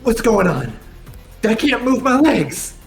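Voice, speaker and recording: A man's voice: very high voice, big pitch swings, slow pace, vocal fry, soft background music, pitched above the performer's own voice, exaggerated voice. A man voicing a feisty, easily alarmed young woman with dramatic exclamations in a comic manga dramatization. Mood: panicked.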